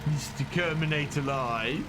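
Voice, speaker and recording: A male streamer chats easily with his audience during a farming game, answering questions and thanking followers along the way. His voice is a little high and unhurried, and the background is noisy with game music.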